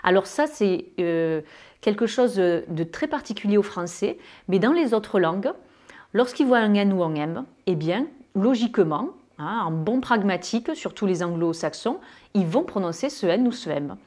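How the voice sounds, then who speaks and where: A woman with a southern French accent teaching English pronunciation to French speakers, with many fillers and pauses, who draws out her English example words. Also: mid-range voice, animated, darkish tone. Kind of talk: spoken lesson.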